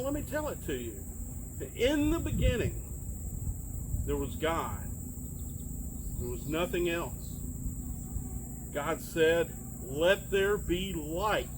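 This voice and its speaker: A man's voice: sits high, heavily acted. A man playing Moses as a friendly Bible patriarch, telling stories to children conversationally and asking them questions, outdoors. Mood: friendly, wondering. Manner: conversational, asks young listeners questions. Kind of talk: children's storytelling. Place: outdoors among trees and plants. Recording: noisy outdoor recording with insect sounds.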